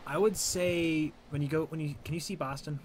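Excitable man chatting over a strategy game. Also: fairly high pitch, normal speed, a little hiss or hum. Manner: excitable, bursts of chatter and sound effects. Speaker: streamer playing a strategy game with friends. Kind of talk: casual gaming chat.

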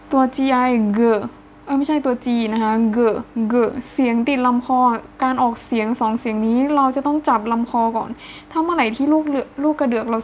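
Young woman tutor, slightly high voice, polite and patient, faint hiss behind. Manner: polite, ends phrases with soft particles. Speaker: Vietnamese language teacher, page admin. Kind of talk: casual spoken language lesson.

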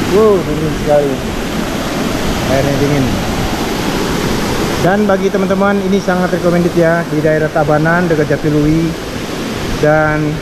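A man's voice: fairly high pitch, heavy background noise. A man presenting a casual travel vlog outdoors in a tropical forest, talking enthusiastically to his viewers and exclaiming often. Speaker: travel vlogger. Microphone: action camera. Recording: loud waterfall roar on an action camera. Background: rushing water.

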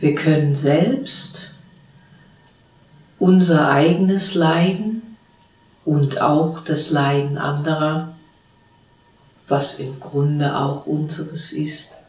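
Female meditation teacher, unhurried and soothing delivery, distant mic, echoey room. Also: low-pitched. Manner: slow, calm spoken instructions with long pauses. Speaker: spiritual teacher leading a meditation. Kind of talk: guided meditation. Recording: roomy sound from a distant mic.

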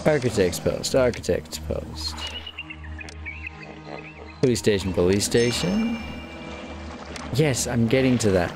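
A let's play gamer works through a city-building game, reading its text aloud and muttering building names twice over. His medium-pitched voice is very animated, slow and full of pauses, with game music playing underneath.

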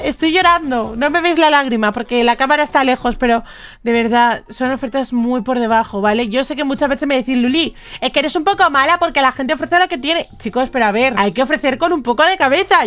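High-voiced woman doing gameplay commentary. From Spain. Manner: animated and expressive, reacting aloud to trade offers. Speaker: gaming YouTuber.

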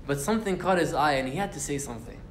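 A young man races through an informal Quran lesson with lively intonation and a fairly high pitch. Reciting Arabic verses and using casual fillers and restarts, he teaches tafsir in a university lecture room that sounds echoey, with a little hiss or hum.

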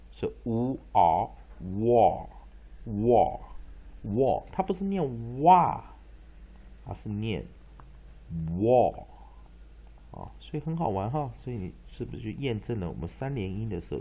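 A man teaching English pronunciation, spelling out letters and repeating words to drill them, often ending phrases with a soft "ha". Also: fairly low pitch, vocal fry, breathy edge. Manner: tags phrases with a soft "ha" particle. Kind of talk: pronunciation lesson.

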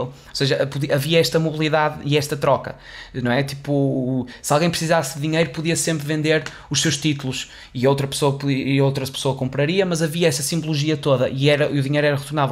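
Here the educational series host, a young man with a European Portuguese accent and a medium-pitched voice, rambles casually about the history of finance, restarting often, using fillers, and gesturing. The setting is a compact indoor studio with a dark wall, a boom-mounted condenser microphone, and headphones.

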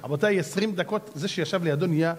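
A man, a rabbi, preaching a sermon as a lively storyteller who acts out the characters. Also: sits high.

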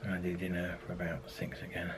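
Low-voiced man rambling on a vlog. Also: completely flat delivery, a little fast, heavy background noise. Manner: rambling, hesitant with many ums. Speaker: vlogger. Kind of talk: casual daily vlog. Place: outdoors in a park, then in a car, then at home. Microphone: handheld camera at arm's length.

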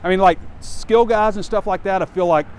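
A sports site publisher rants casually as he walks outside on a campus street near a stadium, candid and rambling with fillers. His voice sits high with a darkish tone, and he's a little fast. The phone camera is held close while walking, picking up faint outdoor street noise.

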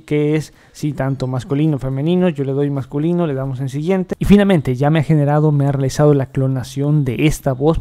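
A man hosting a software tutorial, explaining each step as he clicks through, often repeating set phrases. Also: on the high side. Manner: repetitive, filler-heavy demo talk. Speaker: tech tutorial host. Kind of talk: screen-recorded software tutorial.

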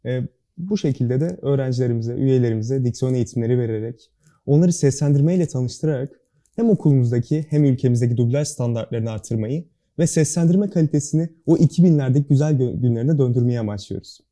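Appearing as an interview guest, a young student club board member answers earnestly and briskly. His voice is medium-pitched yet very dark and mellow, his enunciation precise and careful, and his tone remains formal and serious from start to finish.

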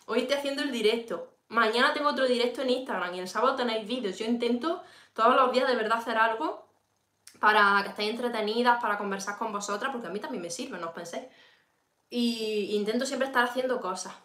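A woman's voice: a little high, quick pace, pushed and bright. A woman with a Peninsular Spanish accent, hosting a casual makeup tutorial livestream. She talks straight to her viewers and answers their comments as she works. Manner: chatty, addresses viewers directly, reads and answers comments. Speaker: beauty livestream host. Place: home room during a livestream. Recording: echoey room.

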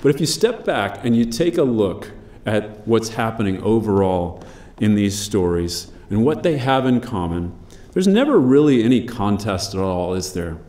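A man preaching a sermon, measured and emphatic, slowing down on key phrases. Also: fairly low pitch, sing-song, warm tone, roomy sound. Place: church.

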